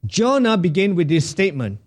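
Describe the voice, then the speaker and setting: A man preaching a sermon as pastor, asking the congregation rhetorical questions in a deliberate way. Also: high-pitched, sing-song.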